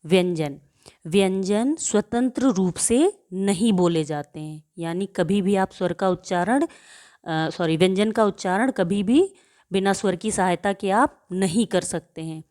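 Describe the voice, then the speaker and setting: In a grammar lesson for children, a woman teacher whose voice is medium-pitched and a little mellow both asks and answers her own questions. Example words are stretched out for pronunciation, and she works slowly and deliberately, repeating questions and answers to drill the pupils.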